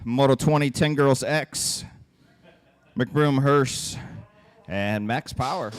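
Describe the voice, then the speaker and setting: A man's voice: medium pitch, slow, no echo. A man announcing live races with folksy, joking play-by-play, his voice starting to crack. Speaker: track announcer. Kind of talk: live race commentary.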